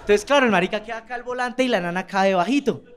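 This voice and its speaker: A man's voice: high voice, quick pace, some chatter behind. A man with a Colombian accent performing a stand-up comedy routine, telling crude stories with quoted voices. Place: comedy club stage.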